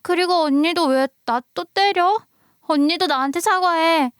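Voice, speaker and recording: A woman's voice: extremely high pitch, measured pace, no echo, studio quality, pitched above the performer's own voice. A woman voicing a hurt, stubborn little girl who complains and pleads. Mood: whiny upset. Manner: whiny, upset, pleading.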